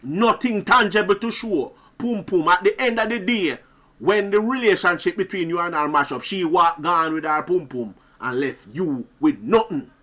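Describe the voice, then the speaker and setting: A man holds forth like a street preacher, his voice bright and sitting a little high. He swings from loud, pressing outbursts down to low, muttered asides as he warns other men. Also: moderate pace. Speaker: channel host.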